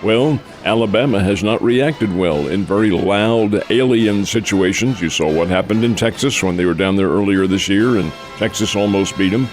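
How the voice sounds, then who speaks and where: A man's voice: on the low side, normal speed, few pauses, soft background music. An older man co-hosting a sports radio show, giving folksy rundowns of games and calling listeners "folks". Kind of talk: casual sports radio chat.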